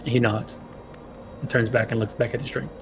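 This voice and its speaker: A man with a medium-pitched, creaky voice works as game master for a tabletop game. He improvises his narration in halting phrases, with faint music behind him. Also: level tone. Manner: halting, searching for words.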